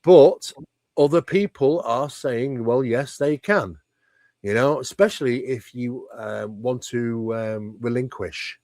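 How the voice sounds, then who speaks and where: A paranormal researcher appears as an interview guest, explaining things conversationally yet emphatically, using rhetorical questions and repeated phrases. His medium-pitched voice is slow and darkish, and the recording is dry.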